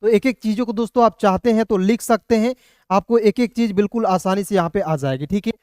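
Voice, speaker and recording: Smooth-voiced man teaching step by step. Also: high-pitched, a little mellow, no room sound, clean studio sound. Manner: keeps asking the viewers quick check questions and answering them himself; patient, repetitive step-by-step explaining. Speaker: English teacher. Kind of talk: explanatory video lesson.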